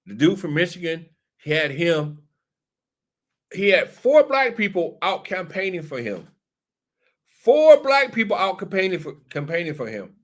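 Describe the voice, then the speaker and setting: A man's voice: sits high, big pitch swings, unhurried. A tipsy man hosting casual political commentary, laughing and rambling, repeating himself often. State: a little tipsy. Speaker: show host.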